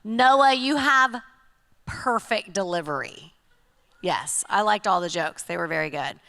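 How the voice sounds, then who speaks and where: A woman teacher at a school chapel assembly, warmly praising the students. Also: medium pitch, measured pace, big-room sound. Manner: encouraging, praising.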